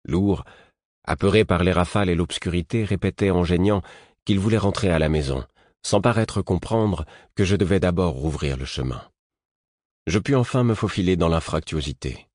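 A man reading a first-person audiobook in a measured, even storytelling manner. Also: sits low, no room sound, clean studio sound. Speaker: audiobook narrator. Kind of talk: scripted first-person narration.

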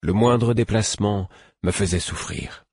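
Narrateur de livre audio, voix d'homme très grave et voilée, enregistrement sec et proche. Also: male voice, on the low side, measured pace, vocal fry, a little mellow, breathy edge, no room sound. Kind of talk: first-person novel narration.

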